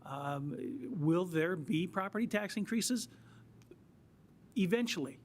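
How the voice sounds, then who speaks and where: A man's voice: sits high, animated, takes it slowly, slight background noise. A man running for office, answering a forum question hesitantly with many fillers. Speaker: mayoral candidate. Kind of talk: debate answer.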